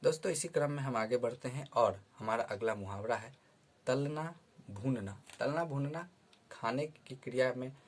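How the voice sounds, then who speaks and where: A man teaching a vocabulary lesson, patiently repeating each word slowly before explaining its meaning. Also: medium pitch, slightly rough. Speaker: Hindi teacher.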